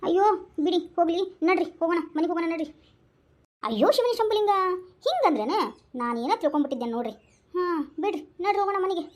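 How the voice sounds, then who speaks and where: A woman's voice: very high-pitched, lively intonation, very fast, a little hiss or hum. A woman voicing a bold young village wife who scolds and wails. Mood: hurrying. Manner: scolding, loud, dramatic wailing.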